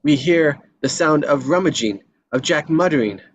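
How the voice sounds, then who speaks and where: A man reads a screenplay's action lines at a table read, occasionally stumbling and repeating words as he narrates the stage directions. His voice is on the high side and animated, at a moderate pace, captured in dull lo-fi sound with background noise.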